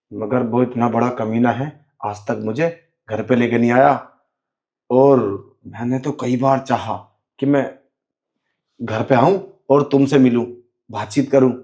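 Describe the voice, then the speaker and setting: A man's voice: mid-range voice, warm tone, dull audio. A man in a scripted skit, playing a sleazy man who pretends to be blind, talking in a sly, wheedling way. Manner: sly, wheedling, keeps saying "you know". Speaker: actor in a short skit.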